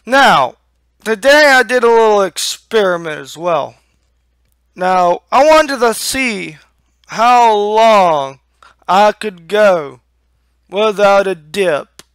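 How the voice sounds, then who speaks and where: A young man giving a casual, halting review to camera on a headset mic, talking with a lip full of dip. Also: high-pitched, lively intonation, fairly bright tone, clean tone, dry recording. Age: young adult. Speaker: amateur product reviewer. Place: small room at home. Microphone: headset microphone.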